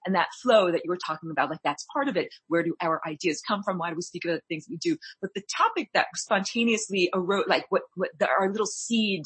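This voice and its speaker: A woman's voice: fairly low pitch, fast, few pauses, husky, no echo. A woman speaking as a talk show guest, explaining her ideas in an earnest, conversational way.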